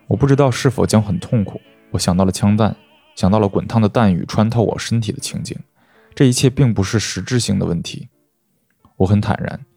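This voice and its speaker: Brief: male audiobook reader, low dark voice, dry close sound, faint music. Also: vocal fry, slightly rough, no echo. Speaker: host and reader. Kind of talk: literary reading aloud.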